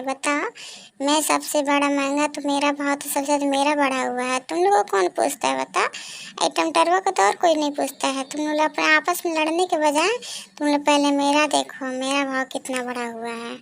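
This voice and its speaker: A smug, bragging cartoon garlic. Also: male voice, very high-pitched, steady tone, normal speed, creaky, fairly bright tone, heavily acted. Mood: boastful. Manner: bragging, mocking. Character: boastful smug male garlic, self-proclaimed king. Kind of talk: cartoon voice acting.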